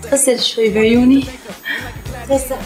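A woman playing a sharp-tongued young woman on a dinner date, scolding quickly and insistently. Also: high-pitched, steady tone, lightly acted. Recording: roomy room with music behind.

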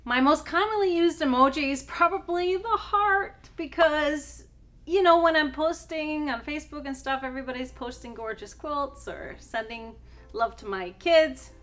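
A woman's voice: high voice, normal speed, a bit bright. A middle-aged woman from Iceland, a quilt designer, answering interview questions in a cheerful, emphatic way in a studio.

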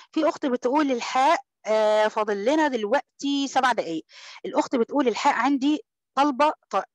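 A woman's voice: fairly high pitch, dry recording. A woman with an Egyptian Arabic accent teaching an online Quran recitation class, sounding out letters and speaking affectionately to her students. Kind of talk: online tajweed class, answering questions.

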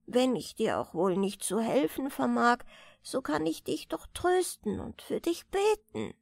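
A woman voicing a frail, kindly old spinster in a storybook, speaking softly and tenderly. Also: on the high side, very animated, measured pace, gravelly, no room sound, heavily acted.

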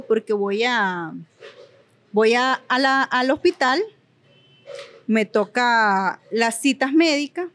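Earnest young woman. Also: fairly high pitch. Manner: earnest, emphatic, repeats words for emphasis, quotes her own dialogues. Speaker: guest sharing her story. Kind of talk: candid personal testimony in an interview.

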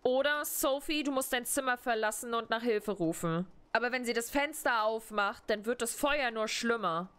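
Woman streamer, slightly high pitch; excitable, blunt, live translating commentary. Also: moderate pace, few pauses, smooth. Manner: excitable, blunt, swears casually.

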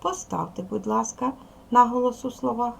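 A woman's voice: a little high, moderate pace, creaky, slightly rough. A woman teaching a recorded primary school lesson, patiently asking questions and answering them herself. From Ukraine.

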